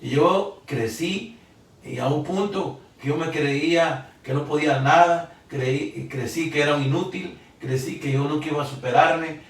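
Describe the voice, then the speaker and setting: A man in his sixties from Guatemala, gives an emotional sermon testimony, halting with repeated restarts. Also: fairly high pitch. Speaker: preacher. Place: church hall. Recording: echoey church from far off.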